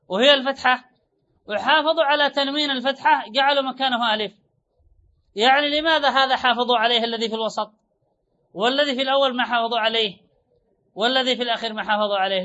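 A man teaching grammar in a classroom lecture, repeating his points, drawing out example words slowly and asking rhetorical questions. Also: very high voice, bright, forceful tone. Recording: dull lo-fi recording.

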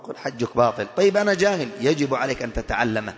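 A male preacher giving an animated religious lesson, demonstrating with gestures and exhorting his listeners. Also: mid-range voice, racing. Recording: long hall reverb.

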